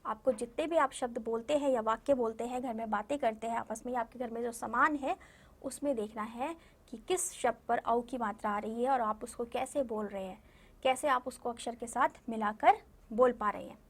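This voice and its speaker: A young woman teaching a Hindi lesson to young children in an online video, patiently repeating words and often checking that the children understand. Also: a little high. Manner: patient, repeats words slowly and drills vowel signs. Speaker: primary school Hindi teacher.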